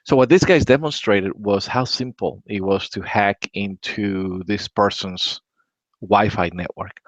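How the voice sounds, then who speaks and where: Casual tech-podcast host, Latin American man, rambling and low-pitched, dull lo-fi sound. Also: unhurried, no room sound. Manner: rambling, repeats words, many "right?" tags. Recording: dry, dull lo-fi audio.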